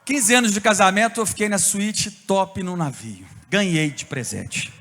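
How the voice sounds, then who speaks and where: A Brazilian man preaching a sermon as a pastor, telling a story with animated bursts and shouts. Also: high-pitched, unhurried, in a large hall. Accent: Brazilian Portuguese.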